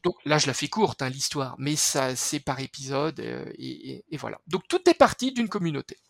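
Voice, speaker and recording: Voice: mid-range voice, lively intonation, normal speed, gravelly, dry recording, studio quality. A podcast guest explaining skincare research in an enthusiastic, chatty way, full of fillers and restarts.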